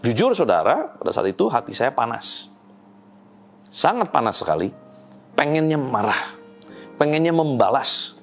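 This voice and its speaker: Pastor guy preaching a short devotion, earnest and personal, voice swings up and down a lot, soft music under it. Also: mid-range voice, normal speed, long pauses. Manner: earnest, personal, addresses listeners as "saudara"; animated delivery with swelling emphasis. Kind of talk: daily devotional sermon.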